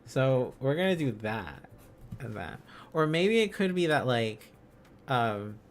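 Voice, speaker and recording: This man's mid-range voice has a sing-song quality, and he takes it slowly against slight background noise. He's a live streamer learning Korean script in a casual lesson. He muses out loud, repeating phrases and syllables while working out letters and words.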